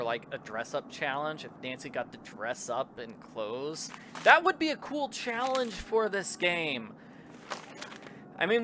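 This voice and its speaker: A man's voice: high voice, bright, forceful tone, slight background noise. A man giving casual, joking commentary while playing a video game, reading out viewer chat. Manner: joking, rambling, reads chat aloud. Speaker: let's play host. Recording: game music playing underneath.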